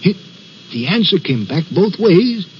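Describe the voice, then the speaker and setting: Old radio drama: a haunted signalman, high-voiced and halting, dull old recording. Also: big pitch swings, slight background noise. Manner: halting, stammering storyteller. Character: haunted, nervous railway signalman. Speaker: railway signalman. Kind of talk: 1940s radio acting.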